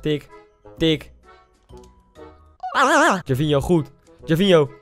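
A young man commenting on his own football video game match, excitable and given to loud outbursts. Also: a little high, takes it slowly, faint music behind. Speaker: gaming YouTuber. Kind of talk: live gameplay commentary.

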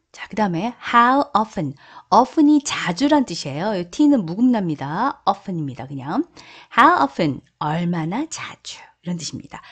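A Korean woman teaching English grammar, reading model sentences slowly and often dropping into a whisper. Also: on the low side, slightly rough. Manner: slow drawn-out model sentences, drops to whispers. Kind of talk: language lesson.

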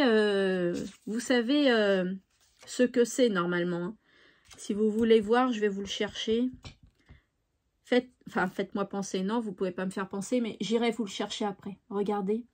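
A woman hosting a craft tutorial, chatting casually and thinking aloud with fillers. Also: on the high side. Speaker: craft channel host.

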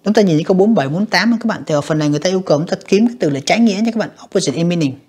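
A racing, animated voice of medium pitch, a little mellow with a breathy edge, belongs to an English teacher reviewing exam items. Option by option, the teacher reads the English, translates it and gives a verdict, repeatedly addressing "các bạn".

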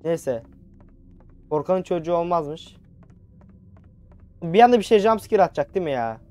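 A man's voice: a little high, lively intonation, moderate pace, darkish tone, dry recording. A young man commentating a horror video game he plays, nervous and jumpy, talking back to the game on a headset mic. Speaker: gaming channel host. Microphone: new headset mic.

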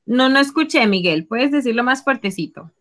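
A woman's voice: fairly high pitch, animated, moderate pace, fairly bright tone. A woman teaching an online class. She explains each step patiently and keeps prompting her students to answer. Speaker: English teacher.

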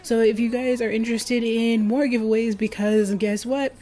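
A woman's voice: a little high, steady tone, normal speed, mellow. A woman hosting a gaming channel, making a hyped, gushing, informal giveaway announcement to her viewers.

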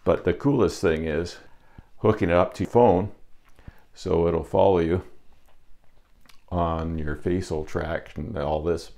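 Male vlogger, sixties, low-pitched, informal chatty delivery to camera on a lapel mic. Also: fairly even intonation, unhurried, long pauses, mellow. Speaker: vlogger testing camera gear. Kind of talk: casual chatty vlog. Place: indoor room in front of a backdrop.

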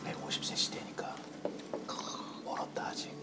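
A speaker whose voice is disguised with deep pitch-shifted voice modulation, leaving short, hushed recorded messages in a variety show. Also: normal speed, whispered.

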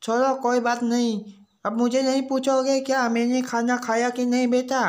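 Man putting on a high, fussy old grandpa. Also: level tone, normal speed. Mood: fussing. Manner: gentle, calls everyone "beta", keeps nagging about food. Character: doting old grandfather, fussing, slow-witted, sweet.

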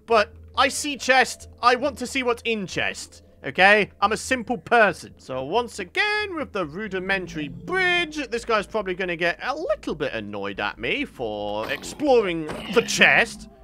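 A man's voice: high voice, wildly swooping pitch, unhurried, few pauses, sharp tone, slight background noise. A man giving jokey Let's Play commentary, chatting to his viewers as friends. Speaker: gaming YouTuber.

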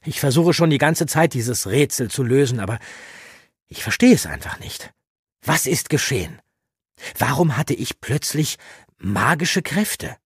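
A man voicing an impatient, headstrong young male farm boy in an audiobook, pleading and insistent in a pitched-up voice. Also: very animated, a little slow, husky, dry recording, clean studio sound, heavily acted. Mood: agitated. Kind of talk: audiobook character reading.

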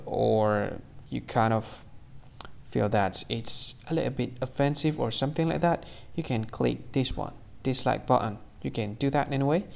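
Gravelly-voiced man hosting a quiz clip. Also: medium pitch. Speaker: channel host. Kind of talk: scripted explainer and outro.

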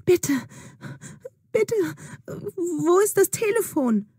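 A woman voicing a frightened young woman in a storybook, begging urgently in a high voice. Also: very animated, extremely slow, warm tone, dry recording, studio quality, exaggerated voice. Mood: pleading.

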